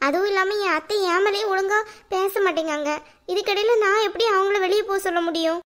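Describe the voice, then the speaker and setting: A woman's voice: very high-pitched, a little fast, a bit bright. A woman voicing a heartbroken young wife in a cartoon who laments through sobs. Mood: pleading. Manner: sobbing, self-pitying lament.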